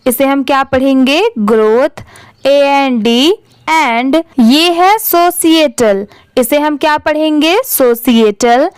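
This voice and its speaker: High-voiced woman teacher spelling words slowly. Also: dry recording. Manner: spells words letter by letter, then says them slowly. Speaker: English teacher. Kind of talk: spelling and reading lesson.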